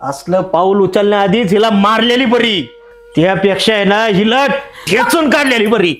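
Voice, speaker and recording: An actor playing a proud, domineering father who scolds and shouts with contempt. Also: sits high, normal speed, soft background music, lightly acted. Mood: angry. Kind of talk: short drama acting.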